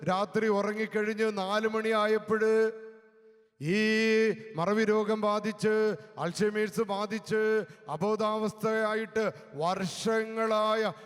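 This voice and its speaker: High-voiced Malayali priest preaching in a reverberant space. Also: male voice, little pitch movement. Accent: Kerala Malayalam. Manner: slow, emphatic preaching with dramatic drops to soft, low speech. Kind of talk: sermon with personal testimony.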